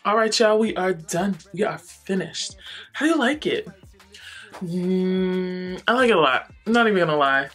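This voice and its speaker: Indoors in a shelved bedroom, a woman in her thirties gives a relaxed wig tutorial with playful chatter. She sounds lowish, expressive and a bit bright at a normal pace, over faint background music.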